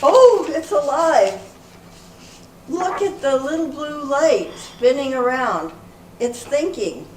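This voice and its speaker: With a high, expressive voice and a slow delivery, a woman earnestly presents as an eager, flustered group leader in an amateur readers theater piece. The room is echoey, she's recorded from far away, and there's faint noise.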